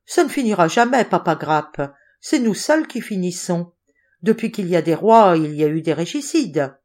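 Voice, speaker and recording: A woman's voice: lowish voice, animated, moderate pace, darkish tone, lightly acted. A woman reading the part of a sceptical, needling male office clerk who loves to scandalize his colleagues. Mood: mocking. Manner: sardonic, needling.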